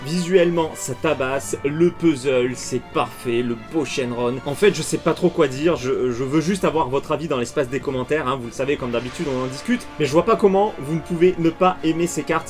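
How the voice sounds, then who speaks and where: A man giving casual unboxing commentary as a card collecting video host, breaking into excited exclamations over each card. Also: fairly high pitch.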